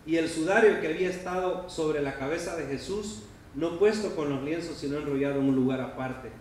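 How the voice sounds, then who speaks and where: A man's voice: fairly high pitch, brisk, darkish tone. A man pastor giving a sermon in a church hall, emphatic and full of rhetorical questions to the congregation. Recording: very echoey hall, distant mic, faint noise.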